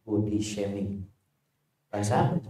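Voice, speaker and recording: A man preaching a sermon and answering questions, leaping into a high voice for emphasis. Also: a little slow, a little hiss or hum. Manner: animated, jumps to high pitch for emphasis. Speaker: Islamic preacher. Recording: echoey hall.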